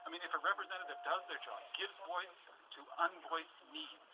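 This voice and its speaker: A man's voice: a little high, fairly even intonation, fairly quick. A man giving impassioned political commentary at a press scrum, emphatic and given to repeating his points. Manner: emphatic, rhetorical questions and repetition. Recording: dull, noisy scrum recording.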